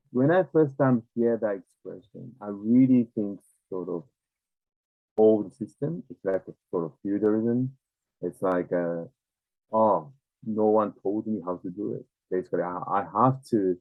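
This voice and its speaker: A man with a Japanese accent talks reflectively at a very slow pace. He is a non-native speaker who pauses to search for words as he explains things conversationally. The sound is narrow and tinny, like a call. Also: lowish voice. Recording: tinny, narrow phone-like, echoey room.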